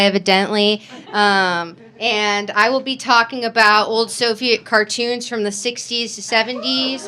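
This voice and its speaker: A young American woman doing a chaotic stand-up set with slides, rambling with quick asides and self-corrections into a stage mic at a small comedy venue. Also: a little high, sharp tone, a little hiss or hum. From United States.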